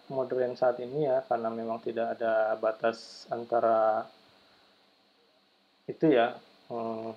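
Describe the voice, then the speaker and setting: A man's voice: medium pitch, highs cut off. A man lecturing students in a casual, chatty way, full of fillers and small demonstrations.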